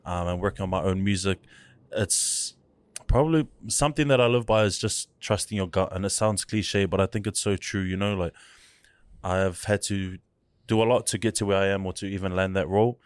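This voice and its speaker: A man, chatting casually as a podcast guest and actor, laid-back and quick to laugh. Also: low voice, steady tone, clean tone, no echo. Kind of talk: casual chat. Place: studio.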